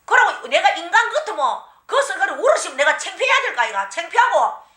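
A woman shaman with a Gyeongsang accent telling her own story, animated and often laughing, acting out the people she quotes. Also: extremely high pitch, fast talker. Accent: Gyeongsang Korean. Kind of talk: personal storytelling. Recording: echoey room.

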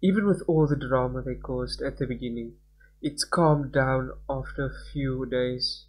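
Reading game text aloud during a laid-back let's-play, a young gaming channel host keeps drifting into rambling, self-interrupting commentary. He has a medium-pitched, slightly breathy voice and speaks at a measured pace. Music runs underneath a rough recording.

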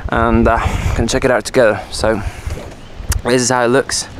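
The boat owner's voice is medium-pitched and flat, at a moderate pace, as he gives a relaxed tour of his open motorboat outdoors on the water, correcting himself as he explains. Ambient outdoor sound from the boat fills the background.

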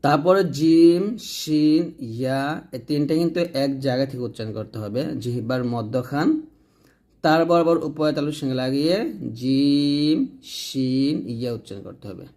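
A man's voice: medium pitch, a little fast, darkish tone. Man teaching letter pronunciation. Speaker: Quran recitation teacher. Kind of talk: step-by-step pronunciation lesson.

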